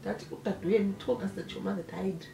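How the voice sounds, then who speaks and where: A young South African woman in casual chat, expressive and quick to laugh. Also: mid-range voice, creaky, reverberant. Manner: expressive, laughs often, code-switching.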